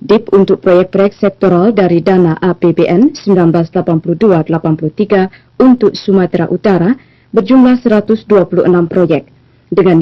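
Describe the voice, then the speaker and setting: A woman's voice: mid-range voice, no room sound. Woman reading old broadcast news, lo-fi. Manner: measured, formal, even delivery. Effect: old 1980s television news broadcast sound. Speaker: newsreader. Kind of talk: formal television news bulletin reading. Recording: dull, lo-fi, dry archive broadcast audio.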